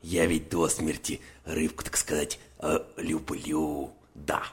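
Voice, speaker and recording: A man voicing a greedy, bossy male bear in a storybook tale, with a gravelly, blustering drawl. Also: extremely low pitch, little pitch movement, slow pace, voice pushed down. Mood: wheedling. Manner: blustering, demanding, shouts. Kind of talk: storybook narration.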